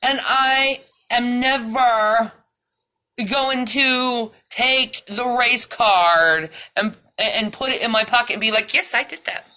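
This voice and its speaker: Woman vlogger, profane heated rant, slow delivery, sharp bright tone. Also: on the high side. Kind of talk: ranting monologue.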